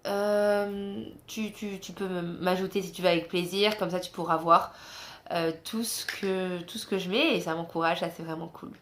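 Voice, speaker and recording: A woman's voice: lowish voice, steady tone, moderate pace, fairly bright tone, a little hiss or hum. A young woman from France talking casually to camera in a travel vlog, chatty and encouraging, with many fillers, filmed on a phone indoors in a guest room. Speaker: travel vlogger.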